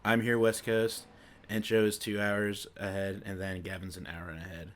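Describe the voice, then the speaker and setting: A man's voice: on the low side, flat delivery, normal speed, over a noisy crowd. A young man hosting a podcast, loose and giggly, with plenty of filler words. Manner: giggly, loose, lots of likes. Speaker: podcast host. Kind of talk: casual podcast chat.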